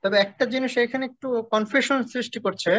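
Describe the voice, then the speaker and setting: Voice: medium pitch, fast talker, a bit bright, dry recording, muffled recording. A student asking the teacher a puzzled question during an online class.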